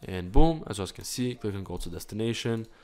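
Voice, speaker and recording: A young man hosting a casual screen-recorded game tutorial, upbeat and quick, saying "guys" all the time. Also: lowish voice, animated, darkish tone. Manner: upbeat, fast, says "guys" constantly. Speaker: channel host.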